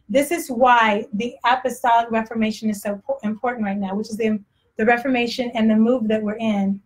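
A woman with a Texas accent preaching a sermon in a blunt, conversational way, often laughing. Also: on the high side. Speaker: pastor.

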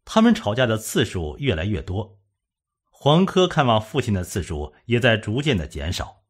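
An audiobook narrator, a man, reads a suspense novel aloud in a dramatic style. His fairly low voice has a rough, husky grain, and his solemn delivery swings extremely widely in pitch at normal speed.

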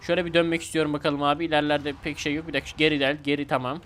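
Man, high voice, excitable game commentary, pleading, repetitive. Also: rapid-fire, a little hiss or hum. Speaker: gaming YouTuber.

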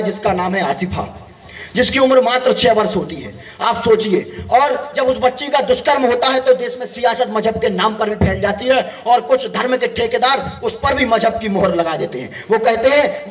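High-voiced man reciting poetry from a stage. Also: reverberant, far from the mic, rough recording. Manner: impassioned, repeats verses for emphasis. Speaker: poet. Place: stage poetry gathering before an audience.

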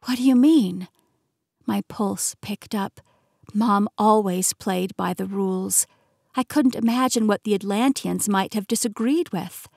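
A woman's voice: mid-range voice, fairly even intonation, a little slow, gravelly, dry recording, studio quality. A woman narrating a first-person fantasy audiobook with an earnest, inquisitive tone.

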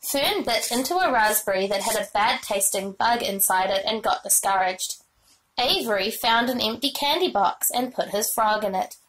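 A woman reading a children's book aloud with expressive storytelling. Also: a little high, a little hiss or hum, rough recording. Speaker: reader.

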